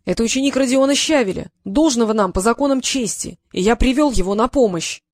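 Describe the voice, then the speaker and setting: A reader voicing a scared young boy dragon who pleads and shouts excuses in an audiobook. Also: medium pitch, a little fast, dry recording, lightly acted. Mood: desperate. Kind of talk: audiobook character reading.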